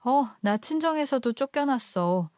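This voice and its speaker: A woman's voice: sits high, expressive, measured pace, darkish tone, no echo, clean studio sound, pitched above the performer's own voice. A woman voicing a desperate, self-pitying young wife who pleads and clings in a storybook narration. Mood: pleading.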